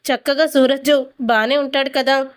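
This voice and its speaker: A woman voicing a scheming, sharp-tongued old grandmother who needles her granddaughter. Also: high voice, steady tone, unhurried. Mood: taunting. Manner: mocking, needling.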